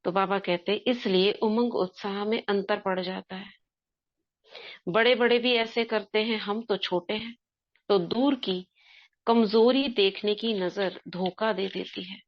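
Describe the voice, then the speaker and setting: A woman's voice: mid-range voice, fairly even intonation, a little slow, muffled recording. Woman teaching a spiritual class. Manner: conversational, quizzes the listeners. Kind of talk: explaining a spiritual text to a class.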